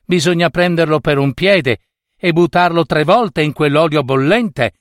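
A man voicing a wise, cunning old woman in a storybook tale, giving firm, slow instructions. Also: fairly high pitch, dry recording, clean studio sound, pitched above the performer's own voice, lightly acted. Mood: instructing.

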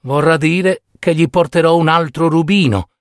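A man's voice: fairly high pitch, normal speed, no room sound, clean studio sound, voice pushed up, natural voice. A man voicing a small, kind female swallow in a storybook, speaking earnestly and pleadingly.

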